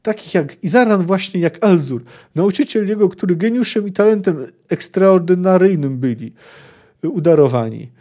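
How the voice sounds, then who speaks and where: A man's voice: sits high, mellow, voice pushed up. A man voicing a pompous, indignant old male wizard who rants in archaic phrasing. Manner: archaic, ranting speech.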